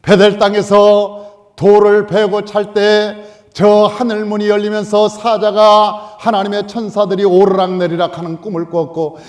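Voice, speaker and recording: A male pastor preaching a sermon, telling the story with animated acted-out quotes. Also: sits high, measured pace, big-room sound.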